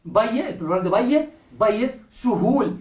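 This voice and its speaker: A woman leads a pronunciation drill at an unhurried pace, repeating each syllable patiently before her students echo it back. Her slightly high voice swoops and rises with plenty of expression. She sounds a little away from the mic, in a roomy, echoing space. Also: lively intonation, a little mellow, recorded from a distance. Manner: patient, repeats each sound several times, asks "¿de acuerdo?" and "¿vale?". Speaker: Arabic language teacher.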